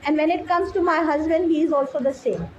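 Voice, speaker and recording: A woman's voice: high voice, a little fast, slight background noise, rough recording. A woman practicing conversation as a learner, chatty and filling her speech with "like, you know". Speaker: English learner.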